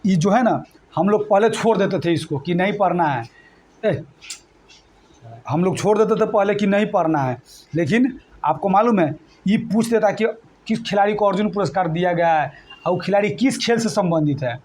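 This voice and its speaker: A man's voice: high-pitched, moderate pace, darkish tone, a little hiss or hum. A male teacher leading a classroom exam-prep lesson, quizzing students with call-and-response questions and repeating mnemonics. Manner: repetitive mnemonic chanting.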